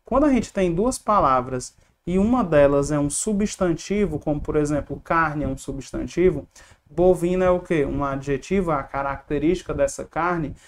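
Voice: mid-range voice, moderate pace, a little hiss or hum. Teacher walking through exam answers. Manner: explains step by step, asks and answers own questions. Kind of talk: online lesson solving exam questions.

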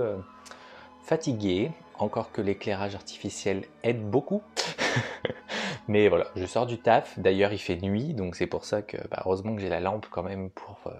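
A young male booktuber chats casually in a book vlog, self-mocking and hesitant, his voice lowish with a darkish tone. It was recorded indoors at home at night.

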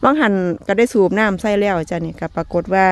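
A woman with an Isan (Northeastern Thai) accent hosts a casual vlog from her rural home garden outdoors, talking fast in a mid-range voice. She's chatty and folksy with viewers, laughs often, and ends phrases with soft polite particles.

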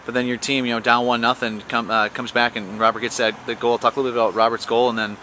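Brief: male sideline interviewer, bright tense tone, stumbling over his questions, faint traffic outside. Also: mid-range voice, flat delivery. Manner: halting, with many "uh" restarts. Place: outdoors.

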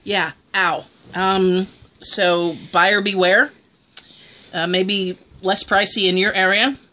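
A woman's voice: mid-range voice, steady tone, takes it slowly, bright, forceful tone. A woman chatting casually through a food review, exclaiming as she tastes.

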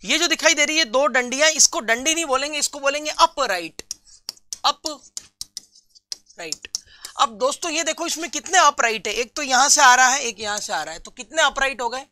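A man teaching a live online class for nursing exam students. He reads out viewers' answers, calls them friends and repeats key terms slowly. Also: very high-pitched, pushed and bright, a little hiss or hum.

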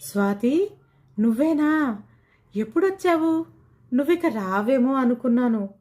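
A woman's voice: sits high, animated, unhurried, darkish tone, voice pushed up. A woman storyteller voicing an ashamed, frightened young pregnant woman who talks apologetically and is close to tears. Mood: anxious.

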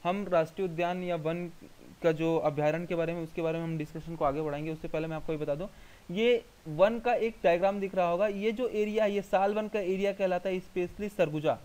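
Man, high voice, teacher, slide lecture, repeats mnemonics slowly. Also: steady tone, a little mellow, poor audio. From India. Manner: drills memory tricks, slow and emphatic repetitions. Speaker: exam coaching teacher. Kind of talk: slide lecture for exam revision.

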